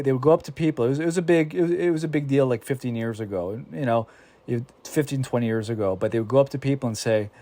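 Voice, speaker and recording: A man leading a casual Bible discussion, animated, often restarting his sentences and acting out quoted exchanges. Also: medium pitch, no room sound. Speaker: Bible study teacher.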